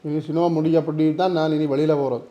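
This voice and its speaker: A man's voice: a little high, fairly even intonation, fast, dull audio. A man with a Jaffna Tamil accent, complaining and whining in a comic sketch. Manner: whiny, complaining loudly. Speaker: comedian in a sketch.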